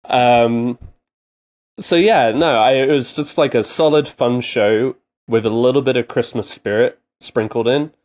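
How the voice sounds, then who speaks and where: A man co-hosting a podcast in casual chat, talking in a rambling, halting way with many fillers. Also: medium pitch, darkish tone. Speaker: podcast co-host.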